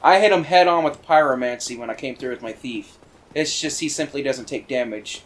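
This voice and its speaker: A man giving casual, rambling commentary on a video game he is playing, full of fillers and excited asides. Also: mid-range voice, fairly quick, a little hiss or hum. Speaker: let's play commentator.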